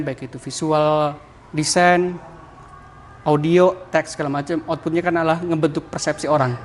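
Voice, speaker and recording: A man with a fairly high voice and a broad Javanese Banyumas (ngapak) accent appears as a guest on a casual podcast interview, where he is a communication mentor. He explains his ideas loosely, tagging points with "kayak gitu" and laughing easily. Faint room ambience and a little hiss or hum sit behind him.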